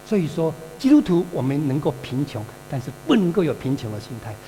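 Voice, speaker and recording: A pastor preaching a sermon, telling the story vividly and calling out to the congregation for answers. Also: male voice, on the high side, quick pace, music in the background. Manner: animated storytelling, calls for congregation responses. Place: church hall. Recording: reverberant hall with mains hum.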